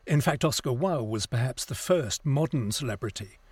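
A man with a medium-pitched, darkish, slightly breathy voice plays a scathing cultural critic debating on a broadcast news panel in an audio drama. His intonation is lively at a normal pace with no echo, and he sounds earnest, critical, articulate and opinionated.

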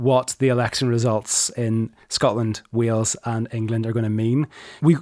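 A man's voice: medium pitch, no echo. Northern Irish man hosting, dry sound. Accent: Northern Irish, Belfast. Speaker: podcast host. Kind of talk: conversational interview hosting.

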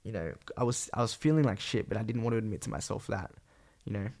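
A young Australian man with a croaky, phlegmy, congested voice, sick with a cold, rambling casually and slangily on a solo podcast. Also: lowish voice, expressive, quick pace, a little mellow. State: sick with a cold, voice partly gone. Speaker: podcast host and vlogger.

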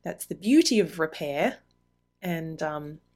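Low, gravelly-voiced woman podcast host. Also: lively intonation, takes it slowly, darkish tone. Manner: earnest, encouraging, chatty with light laughs. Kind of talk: solo podcast talk.

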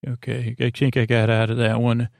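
For his sleep podcast, a man delivers a rambling, whimsical bedtime monologue at normal speed in a completely flat manner, hesitant and riddled with stammered false starts. His medium-pitched voice is creaky and gravelly, recorded in a clean studio with no echo.

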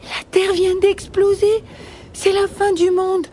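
A woman voicing a frightened little male rabbit who cries out in high, breathless bursts. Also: little pitch movement, slow, mellow, slight background noise. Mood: panicked.

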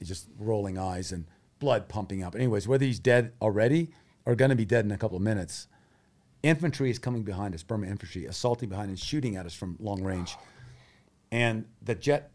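In a conversational interview, a guest who founded a humanitarian group and grew up in Thailand recounts difficult experiences with intense, emotional urgency. His voice is low and dark yet mellow and warm.

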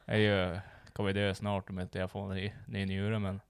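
A man's voice: sits low, monotone, creaky, smooth, dry recording. A man telling a work story in casual chat, swearing freely and acting out what people said. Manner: swears a lot, acts out quoted dialogue.

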